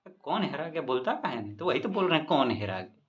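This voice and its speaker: A man with a Bihari accent playing a hot-tempered village policeman who shouts and scolds in exasperation. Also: fairly low pitch, rapid-fire, dull audio, lightly acted. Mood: angry.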